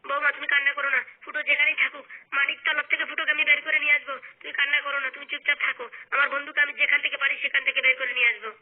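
A very high, rapid-fire cartoon tough guy, with a flat, unmoving pitch. He barks threats at suspects, then turns to soothing a distressed wife. The sound is thin and tinny, like a phone line. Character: menacing, hot-tempered man hunting his missing friend.

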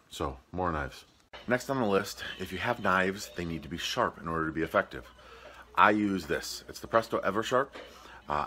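Midwestern man in his thirties, very low voice, jokey at-home vlog delivery, faint room noise behind him. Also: pushed and bright. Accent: Midwestern American. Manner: chatty and jokey, with plain product talk. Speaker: homestead vlogger. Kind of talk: casual gift-list vlog. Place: home rooms and a garage, indoors. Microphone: handheld camera at arm's length.

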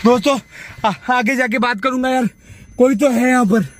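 Hoarse, high-voiced frightened man. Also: fairly even intonation, moderate pace, noisy background. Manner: frightened, calling out into the dark. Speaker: vlogger. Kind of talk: night ghost-hunting vlog. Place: outdoors on a road at night beside a car.

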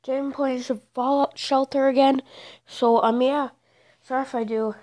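Over loud background noise, a woman with a high-pitched, stuffed-up voice gives fairly evenly intoned commentary on her gaming channel. She rambles at a moderate pace, hesitating often and leaning on fillers.

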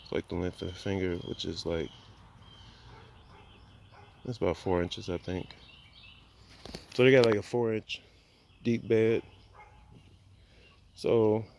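Filming on a handheld phone, a man gives a casual walk-and-talk tour of his homestead in an outdoor backyard by the chicken coops, thinking aloud with many fillers. His low voice is creaky and a little mellow, and there is slight background noise.

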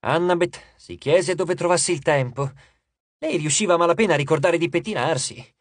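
A man's voice: on the high side, fairly quick, dry recording. A man narrating an audiobook, reading expressively and shifting his voice for each character.

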